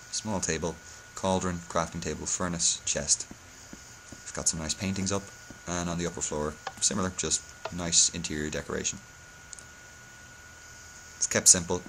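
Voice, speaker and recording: Very deep, hungover man, flat delivery. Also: background noise. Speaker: video tutorial host. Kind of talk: casual game building tutorial commentary.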